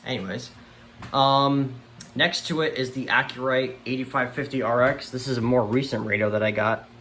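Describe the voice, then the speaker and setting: In a radio-filled room at home, a collector gives a casual video tour with fairly even intonation and a pushed, bright, medium-pitched voice. His unscripted show-and-tell comes out haltingly, thoughts trailing away, as a weather radio broadcast plays in the roomy, noisy background.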